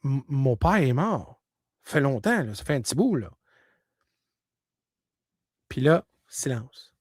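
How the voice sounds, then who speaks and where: A man's voice: mid-range voice, slow, slightly rough, dry recording, clean studio sound. A man with a Québécois French accent telling a personal story in a casual, conversational way, often checking in with his listener. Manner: conversational, peppers talk with "là" and "tu comprends"; animated, shifting between loud bursts and hushed tones.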